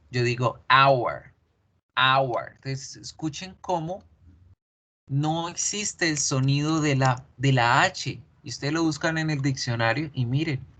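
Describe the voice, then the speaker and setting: Male teacher, unhurried and deliberate, repeats model words for practice. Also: mid-range voice, a bit bright. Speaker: English teacher. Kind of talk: pronunciation lesson.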